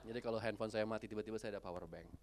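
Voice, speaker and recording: A man preaching a sermon in a church. He tells casual stories, switches between languages, swings his pitch widely and bursts out loudly. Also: racing, slight background noise. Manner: animated, code-switching, with big pitch swings and loud outbursts.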